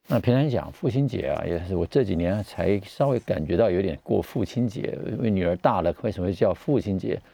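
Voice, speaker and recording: A middle-aged man with a Taiwanese Mandarin accent hosts a live radio health talk as a physician, explaining in a measured way with pauses and speaking through a face mask. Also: sits low, animated, vocal fry, dark tone, dry recording. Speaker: radio show host and family physician. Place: radio studio.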